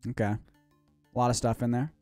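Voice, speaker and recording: A man's voice: medium pitch, quick pace, clear, resonant tone, no echo, soft background music. A man co-hosting a live stream, reacting to videos in casual, blunt chat with frequent swearing. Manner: blunt, swears often, lively.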